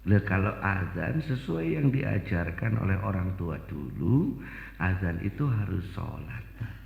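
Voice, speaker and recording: A man voicing a brain as a timid underling, speaking low, slow and overly polite to an elder, in an echoey hall. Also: big pitch swings, creaky, a little mellow, full character voice. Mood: deferential.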